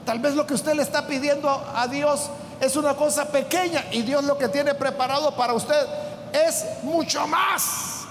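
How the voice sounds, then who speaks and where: High-voiced male preacher in a reverberant hall. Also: fairly even intonation, unhurried, a little hiss or hum. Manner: retells scripture conversationally, addresses listeners as brother; bursts into shouting on key points. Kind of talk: sermon.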